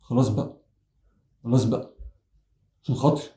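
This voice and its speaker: A man's voice: mid-range voice, steady tone, a little fast, mellow, roomy sound. A man with an Egyptian Arabic accent, pleading with his wife in a prank vlog, swearing oaths and stumbling over his words. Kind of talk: emotional pleading, then casual joking.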